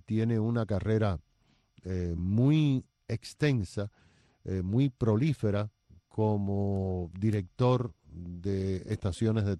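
An older man hosting a radio interview show, talking slowly with many fillers and pauses. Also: fairly low pitch, dark tone, dry recording. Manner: slow, hesitant, with many fillers.

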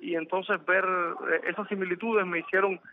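A man's voice: sits high, fairly even intonation, moderate pace, phone-quality sound. A man from Cuba, speaking as a guest in a casual chat, hesitant and restarting often. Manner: hesitant, with many fillers and restarts.

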